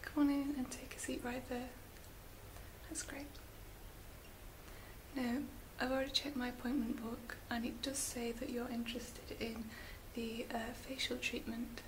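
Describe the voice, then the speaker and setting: Woman, ASMR spa roleplay, soft slow whisper, fairly high steady pitch, audible hiss. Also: low-quality recording. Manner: soft whispering, gentle and slow, many small fillers. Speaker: ASMR roleplay host as a spa beauty therapist. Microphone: close sensitive mic. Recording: hissy close mic.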